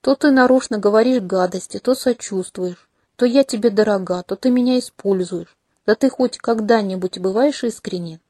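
A sharp-tongued young heroine, as a woman reads her, prickly and ironic when she answers. The voice is mellow and warm at a middling pitch, recorded close and dry. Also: normal speed, no echo, lightly acted. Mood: indignant.

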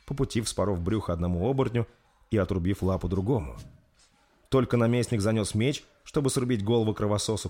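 A man reading a dark fantasy story aloud in a steady, dramatic narration. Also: lowish voice, slightly rough. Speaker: audiobook narrator.

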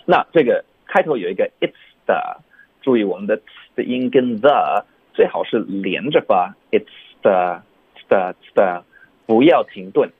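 A man's voice: fairly low pitch, animated, slightly rough, dry recording. Man teaching English over a tinny phone line. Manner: patient, explanatory, slows to model English pronunciation. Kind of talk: radio English lesson explaining phrases.

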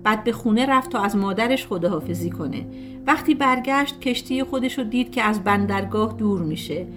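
A woman narrating a folk tale as an audiobook, in a gentle storytelling cadence that voices the characters' dialogue. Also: medium pitch. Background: soft guitar music.

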